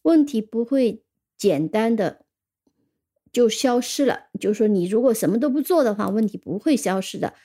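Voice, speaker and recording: A woman teaching English vocabulary in a radio lesson, reading example sentences slowly and then explaining them in a relaxed, chatty way. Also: on the high side. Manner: ends phrases with the filler "啊".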